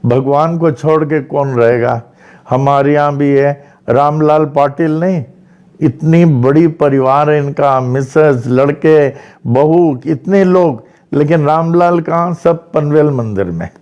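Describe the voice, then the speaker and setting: A man from Maharashtra telling devotional stories in a slow, repetitive way, like a spiritual teacher addressing followers. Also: a little high, a little mellow, highs cut off. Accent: Maharashtra, India. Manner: slow storytelling with repeated phrases. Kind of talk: devotional discourse.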